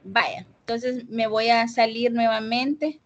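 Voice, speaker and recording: Woman tutor on a video call, chatty, lots of fillers, kinda high voice. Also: fairly even intonation, slow, highs cut off. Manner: chatty, uses many fillers and checks with students. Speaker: online English tutor. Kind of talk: casual online class explaining grading. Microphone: computer mic on a video call.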